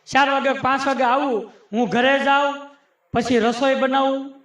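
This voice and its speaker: A man performing folk comedy on stage, chatting and teasing the audience, then reciting rhyming sayings in a steady rhythm. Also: very high voice, normal speed, echoey room. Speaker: folk humorist.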